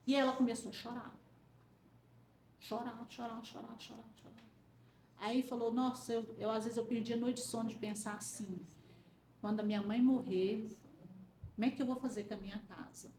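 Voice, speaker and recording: Guest storyteller: woman, higher voice, roomy sound with a faint hiss. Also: moderate pace, pauses often. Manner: animated storyteller, acts out quoted voices. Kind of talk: testimony in casual chat.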